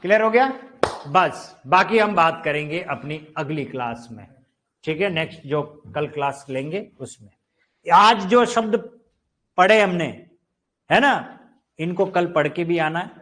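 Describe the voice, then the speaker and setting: Male teacher, high voice, unhurried delivery, repeats key words and checks in with students. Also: lively intonation, a bit bright. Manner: explains slowly, repeats words, checks with 'clear?'. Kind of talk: classroom lesson on correct spelling.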